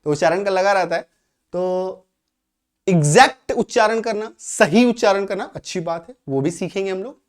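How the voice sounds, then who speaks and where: A man from India teaching English grammar, explaining step by step, slowing down for example sentences and often checking that students follow. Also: high voice. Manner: slows right down when reading out English examples. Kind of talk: grammar lesson.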